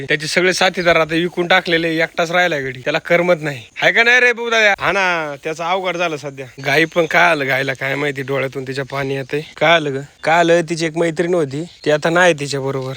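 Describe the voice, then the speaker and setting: A man's voice: fairly high pitch, a bit bright. A man talking casually to viewers as he vlogs outdoors, in a chatty way, recorded on a handheld phone. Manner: chatty, addresses viewers directly. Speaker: vlogger. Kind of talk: casual vlog narration. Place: outdoors, farm and village.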